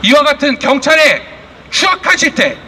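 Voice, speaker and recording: Serving as moderator of a rally and press conference, a man gives a heated, indignant protest speech packed with accusations and rhetorical questions. His very high, highly animated voice moves at normal speed, carried by a loud public address with long reverb while a crowd is heard behind him.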